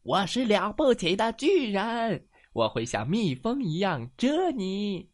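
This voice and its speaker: A bragging storybook giant booms out threats in a raised, showy voice, as a man puts it on. The tone is boastful and mock-menacing, pitched above a plain speaking voice. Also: big pitch swings, slow pace, dry recording, studio quality, heavily acted. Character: hidden boastful 'giant' making threats.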